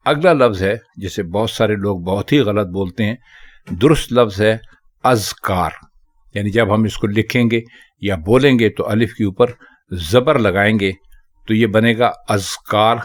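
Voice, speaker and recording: A man with a fairly low voice teaches correct spelling and pronunciation. He goes step by step and slowly, repeating every word a few times so it sinks in. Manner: slow and careful, repeating each word. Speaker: Urdu language teacher.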